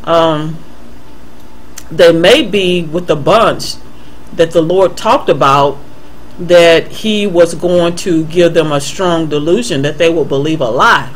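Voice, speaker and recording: Guy talking thru bible verses, kinda high voice, stops and restarts a lot, bit of hiss. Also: low-quality recording. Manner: earnest, halting, with fillers and restarts. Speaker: video host answering viewer email. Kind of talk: unscripted Bible commentary voice-over.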